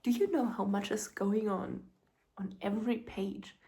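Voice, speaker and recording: Young woman book vlogger, tired and kinda sick, raspy fry voice, slow and whispery. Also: medium pitch, mellow. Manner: emotional, dramatic reactions. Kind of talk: casual reading vlog.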